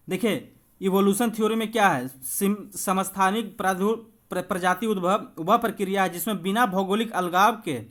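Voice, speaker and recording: In a high, fairly bright voice, this man works as an exam coach, going through quiz answers with instructive explanations. He addresses his viewers in a familiar way.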